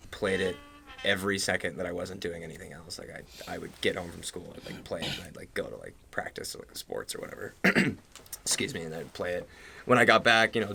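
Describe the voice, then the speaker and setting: A man's voice: sits low, gravelly, sharp tone, slightly rough. A young man from Georgia in the US, a band member chatting casually in a radio interview and rambling with lots of filler words. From Georgia, USA. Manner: rambling, heavy use of "like". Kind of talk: casual chat.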